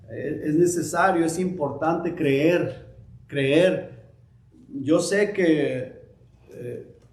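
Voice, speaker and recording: A man preaching a sermon as pastor, swinging between emphatic declarations and quieter readings of scripture. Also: on the high side, roomy sound.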